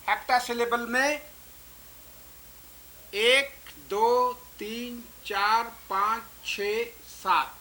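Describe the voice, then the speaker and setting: A woman giving a slow, deliberate lesson, counting out syllables as she explains. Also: a little high, steady tone, sharp tone. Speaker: English teacher.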